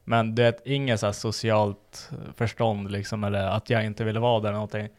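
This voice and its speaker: A man's voice: fairly low pitch, little pitch movement. A young man chatting casually on a podcast, telling a gym story with lots of swearing and acted-out quotes.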